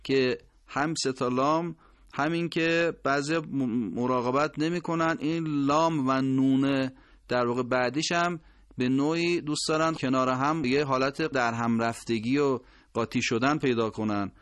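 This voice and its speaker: A man teaching Quran recitation who explains patiently and corrects mistakes, slowly drawing out each example word. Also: mid-range voice, steady tone, fairly bright tone, no room sound. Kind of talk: instructional explanation with drawn-out pronunciation examples.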